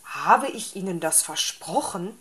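A woman's voice: fairly low pitch, animated, unhurried, a bit bright. A woman voicing a grumpy, lazy male fox in a storybook reading, irritable and grumbling.

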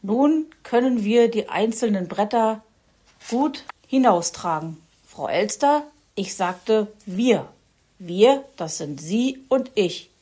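A gruff male fox grumbles his way through the scene, voiced by a woman storyteller. He speaks loudly and curtly, a bossy grouch from a children's audiobook. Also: mid-range voice, animated, takes it slowly.

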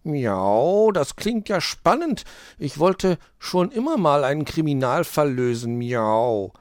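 A man's voice: on the high side, very animated, slow pace, darkish tone, no room sound, studio quality, pitched above the performer's own voice. A man voicing a curious male cat in a storybook who sprinkles meows into his speech. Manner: meows between words, musing. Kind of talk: storybook read-aloud.

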